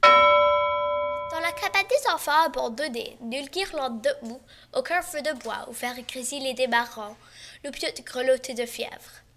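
A woman reading a children's Christmas story aloud, expressively and with varied loudness. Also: high-pitched, a little slow.

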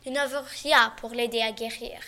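A woman's voice: a little high, fairly even intonation, normal speed, sharp tone. A woman voicing a worried, poor orphan child in a storybook, murmuring.

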